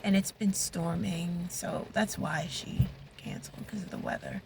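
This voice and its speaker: A woman's voice: fairly low pitch, huge pitch swings, unhurried, vocal fry, poor audio. A woman author talking casually in a vlog from inside a parked car, rambling and thinking aloud with many fillers and restarts. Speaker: romance author. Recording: faint rain noise on the car. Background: rain falling on the car.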